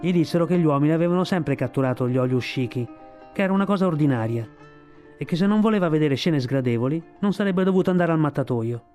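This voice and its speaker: A man's voice: a little high, animated, quick pace, darkish tone, faint music behind. Man reading a storybook aloud. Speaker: reader. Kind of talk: radio audiobook reading.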